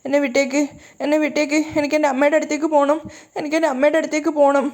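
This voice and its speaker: A woman's voice: high-pitched, fairly even intonation, fast talker, a little mellow, lightly acted. A woman voicing a frightened little girl who cries and pleads in her sleep, in a retold television serial. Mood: pleading. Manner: tearful pleading.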